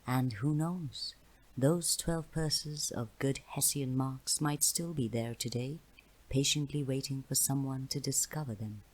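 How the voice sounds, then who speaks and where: A woman with a strikingly low, deep voice reads a dark fantasy story aloud. Her delivery is measured and dramatic, unhurried storybook narration. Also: slightly rough, rough recording. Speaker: audiobook narrator.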